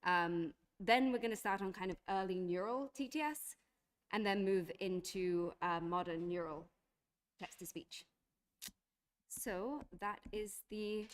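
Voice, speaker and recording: Woman lecturing, explanatory, full of fillers. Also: medium pitch. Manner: explanatory, frequent fillers and restarts. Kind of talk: university lecture.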